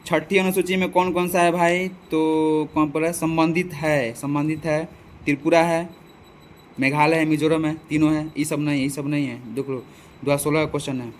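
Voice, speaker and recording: A man's voice: on the high side, little pitch movement, moderate pace, a little hiss or hum. Chatty tutor, man. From Bihar. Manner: chatty, repeats lists, addresses viewers as bhai. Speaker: exam coaching teacher. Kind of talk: casual spoken lesson with rhetorical questions. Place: farm field outdoors.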